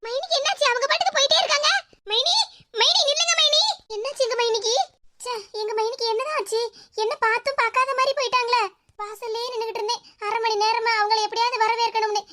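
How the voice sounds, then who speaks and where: A woman's voice: very high voice, steady tone, quick pace, pushed and bright, no echo. A woman voicing a young village woman in a cartoon, an anxious, pleading sister speaking with a Tirunelveli Tamil accent. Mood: fretful. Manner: pleading, repeatedly calling out.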